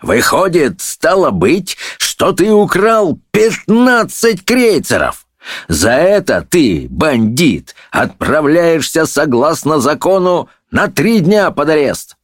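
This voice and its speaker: A man voicing a blustering, pompous judge who roars and drags out his insults in a high, strained voice. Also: very animated, dry recording, studio quality. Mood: bullying. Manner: roaring, bullying, drawn-out shouts.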